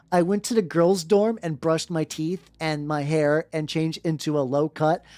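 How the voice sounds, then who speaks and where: A VTuber livestreamer with a mid-range, slightly mellow voice chats casually and reads fan fiction aloud, rambling, sardonic and theatrical. The close streaming mic gives a dry recording, with faint music in the background.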